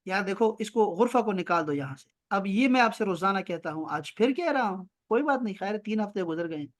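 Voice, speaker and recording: A man teaching Arabic in an online class over a video call, drawing out the Arabic phrases slowly and explaining them briskly, often teasing his students. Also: sits high, animated. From Pakistan. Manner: slow drawn-out Arabic examples, brisk explanations.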